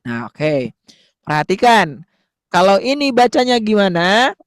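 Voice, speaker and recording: A man's voice: sits high, very animated, measured pace, no room sound, studio quality. A man teaching young children to read Arabic letters, patiently repeating words and coaxing answers in call-and-response.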